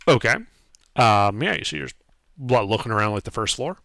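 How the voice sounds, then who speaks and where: A man's voice: mid-range voice, normal speed, creaky, bright, forceful tone, no room sound, studio quality. A man narrating a tabletop game as game master in a casual, improvised way, often searching for words.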